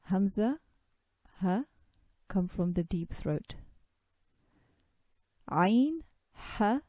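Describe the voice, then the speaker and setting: A tajweed teacher gives a recorded lesson on pronouncing sacred recitation, patiently explaining and demonstrating sounds by drawing out long vowels. She speaks slowly in a mid-range, dark-toned voice with no room sound.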